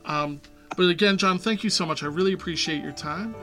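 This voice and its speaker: A man with a Long Island accent hosting a casual podcast interview, enthusiastic and quick to laugh. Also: high voice, loud music behind the voice. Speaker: podcast host.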